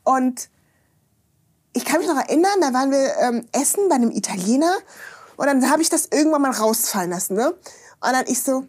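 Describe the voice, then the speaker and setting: A woman guest on a podcast, chatting casually and telling lively stories that act out what people said. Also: sits high, fairly quick, husky. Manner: lively storyteller, acts out quoted dialogue, frequent tag questions.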